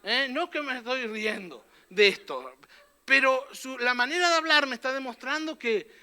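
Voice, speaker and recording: A man's voice: very high-pitched, sharp tone. A man preaching a fervent church sermon as pastor, often tossing in questioning tags to his listeners.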